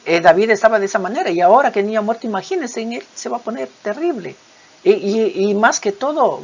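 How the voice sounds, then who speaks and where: Sexo: mujer. Estilo: sermón, voz ronca. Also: female voice, medium pitch, slightly rough. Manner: expressive Bible reading with dramatic voiced quotes; hesitant fillers between points. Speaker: preacher. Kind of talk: sermon. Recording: dull lo-fi recording.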